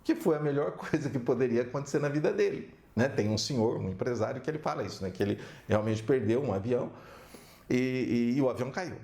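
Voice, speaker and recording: A man giving an animated storytelling talk as a counselor, often tagging his lines with "né?". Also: medium pitch, fast, creaky. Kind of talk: storytelling talk with religious examples. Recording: roomy echo.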